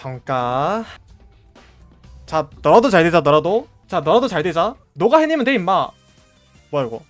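A man's voice: fairly high pitch, sing-song, measured pace, long pauses, no room sound. Man, game streamer, playful mock-parental commentary, dry close sound, faint game music underneath. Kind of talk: casual gameplay commentary.

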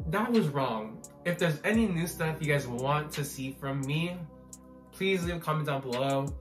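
A man's voice: on the high side, expressive, normal speed. Man chewing while talking, roomy echo. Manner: loose, rambling, slangy. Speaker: vlogger. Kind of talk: casual mukbang chat. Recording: roomy echo, faint music behind.

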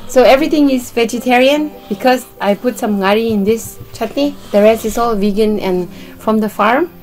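A woman's voice: fairly high pitch, normal speed, darkish tone. A woman in her thirties hosting a mukbang, chatting casually and naming each dish as she shows it. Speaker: host of a food channel. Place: sunny room with large windows, indoors. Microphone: table mic in front of the couple. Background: music in the background.

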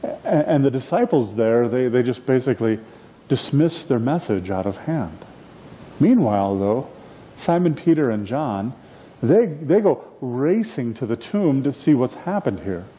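A middle-aged man preaching a sermon from a church platform, expressive and gesturing, often restarting his phrases. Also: medium pitch, a little slow. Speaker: pastor. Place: church platform indoors, livestreamed.

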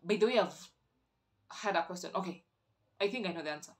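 A woman's voice: lowish voice, brisk. A young Kenyan woman with a Kenyan accent chatting playfully on her vlog, switching between languages mid-sentence. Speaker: vlogger. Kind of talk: casual chat.

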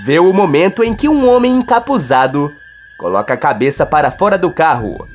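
A narrator telling a soap-opera recap as scripted, dramatic storytelling, with faint music behind. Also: medium pitch.

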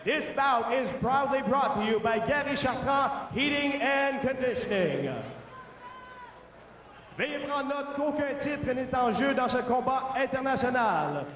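A man working as a ring announcer, giving formal fight introductions in a drawn-out, theatrical delivery. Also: extremely high pitch, fairly bright tone. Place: large indoor arena. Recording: echoey arena PA, distant, faint noise.

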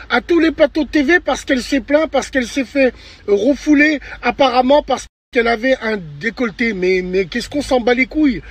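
A man's voice: very high voice, slightly rough. A man, delivering an angry, indignant, vulgar rant to camera in an agitated, emphatic way. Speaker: online video ranter. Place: inside a car. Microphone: phone at arm's length.

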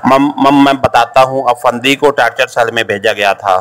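A frightened captured army captain stumbles over his words in a storybook reading, as a man puts him on. The voice sits at an ordinary middle pitch, nervous and flustered rather than loud. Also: moderate pace, close to an everyday voice. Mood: confessing. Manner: stammering, flustered. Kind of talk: audiobook character reading.

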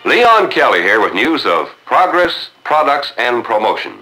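A man's voice: mid-range voice, big pitch swings, unhurried, over music, poor audio. Man hosting an old 1950s newsreel. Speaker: newsreel host.

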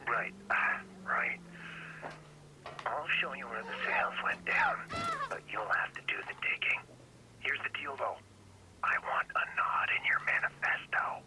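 An eccentric, jittery tipster in a video game. His delivery is slow and halting, dropping into a conspiratorial breathy whisper. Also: medium pitch, huge pitch swings, poor audio. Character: jittery, eccentric male informant offering secret tips.

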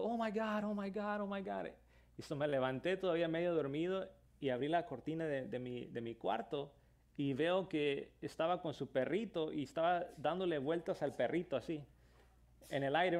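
A man preaching a sermon in Spanish, moving between earnest exhortation and a personal story. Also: a little high. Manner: earnest preaching, rising to emphatic questions, then storytelling. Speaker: pastor.

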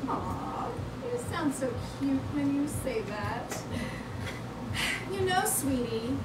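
A woman's voice: high voice, very animated, slow pace, gravelly, heavily acted. A woman acting an imperious, demanding and flirtatious wealthy art patron in a staged play reading, heard in a theatre. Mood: teasing, flirtatious. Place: small stage in a club theatre before an audience. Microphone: distant audience camera. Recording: noisy, echoey theatre recording from far off.

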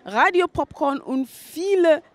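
A woman's voice: sits high, animated, takes it slowly, dry recording. A young woman reporter asking questions and presenting scripted reports with a handheld mic. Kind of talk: reporting and interviewing.

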